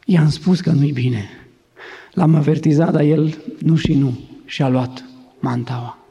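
A man preaching, acting out an evasive male soldier making low, confiding excuses. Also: creaky, dark tone, husky.

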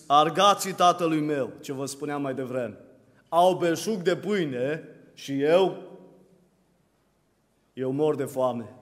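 A man preaching a sermon in a church, emphatic and repetitive, his voice rising to louder peaks. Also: high-pitched. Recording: long reverb of a church hall.

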